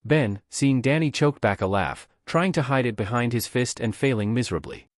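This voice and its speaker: A man's voice: medium pitch, normal speed, dry recording, clean studio sound. A man reading a fan story aloud, voicing every character in much the same plain narrating voice. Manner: reads every character in one even narrating voice. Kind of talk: fanfiction read-aloud.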